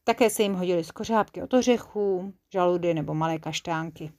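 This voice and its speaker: A woman narrating a children's bedtime story in a calm, clear storytelling manner. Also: fairly low pitch, no room sound, studio quality.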